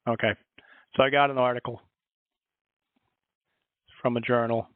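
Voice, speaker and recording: In an unhurried, mid-range voice with little pitch movement, a librarian with a Philadelphia accent gives a workshop presentation over a video call. He's chatty and rambling, correcting himself often, and the tinny, phone-like audio is dry with no room sound.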